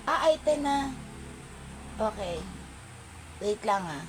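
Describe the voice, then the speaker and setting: A woman's voice: medium pitch, animated, slow pace, background noise. A woman hosting an online live-selling stream, chatting with viewers by name and calling out item codes and prices, slipping English words into her talk.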